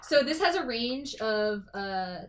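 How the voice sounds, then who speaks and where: A woman game master improvising tabletop game narration in a halting, informal way. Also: fairly high pitch, expressive, fairly bright tone, slight background noise.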